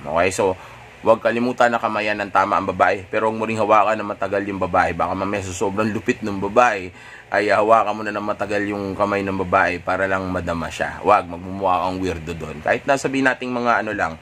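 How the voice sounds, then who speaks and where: A man with a Filipino accent, a dating coach, talking through tips in a casual, conversational way, often checking in with "okay?" and pausing on fillers. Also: fairly low pitch, fairly bright tone, slight background noise. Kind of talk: casual instructional talk.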